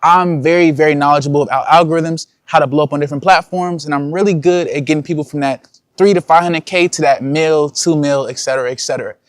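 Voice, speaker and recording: A man's voice: a little high, steady tone, fast, dry recording, studio quality. A young man, a content creator, talking casually and slangily to his viewers in a vlog. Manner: casual slangy talk, addresses viewers as y'all.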